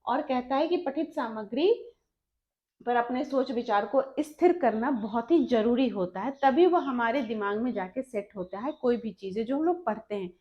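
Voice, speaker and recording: A woman's voice: a little high, lively intonation, moderate pace. A young woman teaching an exam-prep lesson, explaining step by step and repeating key terms, mixing English words into her talk. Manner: mixes English terms into Hindi. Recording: slightly dull lo-fi recording.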